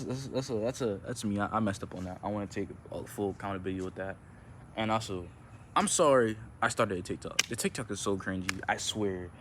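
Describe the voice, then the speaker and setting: In an outdoor vlog, a young man who's an amateur musician rambles casually, using slang and sounding relaxed and nonchalant. His fairly low voice is monotone at times, and there's a little hiss or hum.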